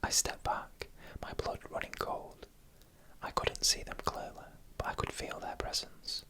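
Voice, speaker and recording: A channel host narrates stories in a breathy, unvoiced ASMR whisper. The phrases are short, hushed, and deliberate.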